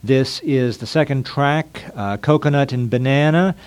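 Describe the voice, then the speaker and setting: A man's voice: medium pitch, measured pace, darkish tone. A man hosting a podcast who chats with a guest in an easygoing way and laughs often. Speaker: podcast host. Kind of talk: casual interview.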